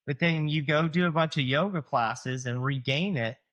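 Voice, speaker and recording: A chiropractor in his forties with a Southern US accent talks casually on a podcast as a guest, explaining things with lots of fillers and acted-out patient quotes. His voice is on the high side and a bit bright, at normal speed, on a lo-fi recording.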